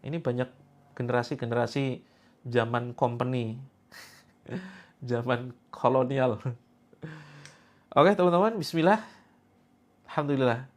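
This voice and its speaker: Leading a healing session for a live audience, a preacher in his sixties jokes openly and teases his listeners in a playful way. He has a mid-range voice, speaks a little slowly, and pauses often.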